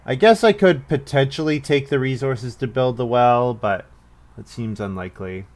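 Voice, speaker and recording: Medium-pitched and darkish, this man talks at a normal speed while narrating his board game turns. His commentary is casual and self-mocking; he reasons out loud and laughs at his own plays.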